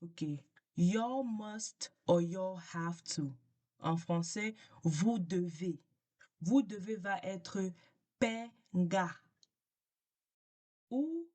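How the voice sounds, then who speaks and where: A woman with a fairly low voice teaches a language in a casual lesson. She speaks very slowly and patiently, repeating each word for learners. She moves between French and English as she explains.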